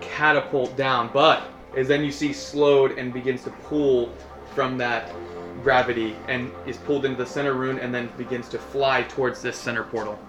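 Male game master, mid-pitched, improvised narration and rulings, roomy echo, prominent music bed. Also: little pitch movement, normal speed. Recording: echoey room, loud music behind.

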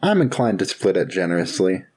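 A man's voice: sits low, very animated, fairly quick, a little mellow, slightly rough. A brash man player who swears a lot, chatting at a tabletop game. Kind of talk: casual chat at a tabletop game.

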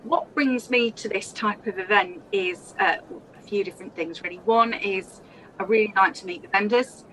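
A woman's voice: medium pitch, normal speed, fairly bright tone, rough recording. Female conference speaker, middle register, conversational interview, faint venue noise. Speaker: conference speaker, learning executive. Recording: live at event, faint noise. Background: venue ambience.

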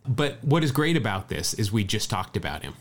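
Brisk and fairly low-pitched, a man co-hosts a casual sports podcast. He rattles off stats in a light, lively, chatty manner.

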